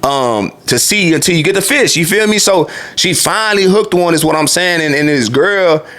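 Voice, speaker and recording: Guy in his late 20s, slightly high voice, rambling and swearing through his story, lots of you feel me. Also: animated, normal speed, fairly bright tone. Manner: loose and profane, peppered with "you feel me". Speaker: former truck driver and host. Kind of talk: casual storytelling monologue.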